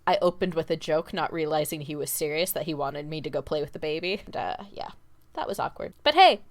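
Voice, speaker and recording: A woman with a fairly low voice co-hosts a podcast from home. She chats casually and tells stories at length, breaking into laughter often. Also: expressive, a little fast. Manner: chatty storyteller, laughs often. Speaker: podcast co-host. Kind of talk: casual chat.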